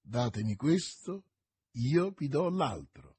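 A vengeful, scheming noblewoman, put on by a male reader, pressing her demands in a raised, loud, insistent voice. The tone is husky, and the audiobook recording is close and dry. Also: mid-range voice, sing-song, slow, dry recording, voice pushed up, full character voice. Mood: vehement. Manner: insistent, vehement, raised intense delivery. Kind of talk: audiobook character reading.

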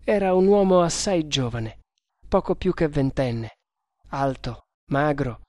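A narrator reads an adventure novel at a slow, measured pace. The delivery is even and deliberate. The recording is dry and close, with no room sound. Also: medium pitch, no echo. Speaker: audiobook narrator.

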